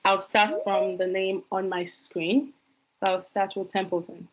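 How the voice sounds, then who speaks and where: A woman in her twenties hosts a panel discussion, her voice held level with little rise and fall. She lays out her questions slowly and carefully. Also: mid-range voice, fairly even intonation, rough recording. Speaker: podcast host. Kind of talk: hosting a panel podcast.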